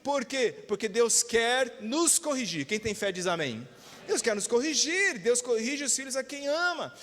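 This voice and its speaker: A man's voice: extremely high pitch, big pitch swings, a little slow, fairly bright tone. A male pastor with a Brazilian Portuguese accent preaches an emphatic sermon, calling for amens and acting out voices. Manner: emphatic, calls for amens, acts out quoted voices. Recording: reverberant church hall.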